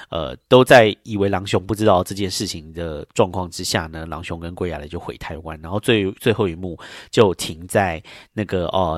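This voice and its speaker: A man's voice: sits low, no room sound, studio quality. A man hosting a podcast, telling a story in a casual, rambling way with many fillers. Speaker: podcast host.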